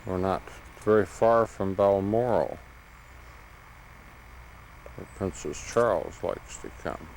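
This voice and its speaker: A man narrates sights in a plain, low voice, recorded outdoors on an old camcorder VHS tape. A steady hiss runs under everything he says. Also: slow, pauses often, low-quality recording. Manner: plain commentary describing sights. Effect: old VHS camcorder tape sound. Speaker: tourist filming a home video. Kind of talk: casual tour narration. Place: outdoors in the countryside. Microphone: built-in camcorder mic.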